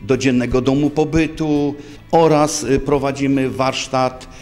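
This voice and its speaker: A man's voice: mid-range voice, fairly even intonation, a little slow, darkish tone, faint music behind. A man in his sixties giving a spontaneous interview statement, hesitating and repeating words as he goes. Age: 60s. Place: indoor office. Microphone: handheld microphone in front.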